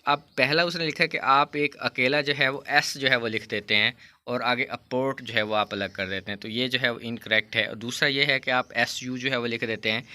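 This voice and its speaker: Bright-voiced male teacher explaining grammar. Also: medium pitch, a little hiss or hum. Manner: explains in Hindi-Urdu, reads English rules slowly, many fillers. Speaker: English teacher. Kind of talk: classroom grammar lesson.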